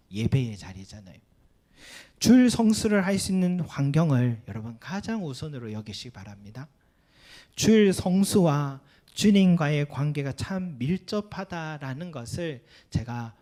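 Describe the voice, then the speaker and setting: A male pastor preaching a sermon with earnest emphasis. He rises on key points and drops softly at the ends of sentences. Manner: earnest preaching with rising emphatic peaks and soft low endings; acts out quoted complaints and Bible lines.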